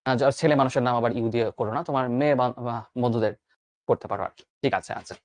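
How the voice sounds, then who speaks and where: Young tutor, coaxing and dry. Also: male voice, mid-range voice, rapid-fire, dry recording. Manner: lively, coaxing, asks and answers own questions. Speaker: admission exam tutor. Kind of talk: online grammar lesson.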